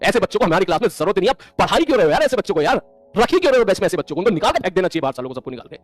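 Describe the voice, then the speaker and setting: A man's voice: high-pitched, very animated, very fast, dry recording, faint music behind. A man teaching an online class, lecturing his students sternly and scolding them.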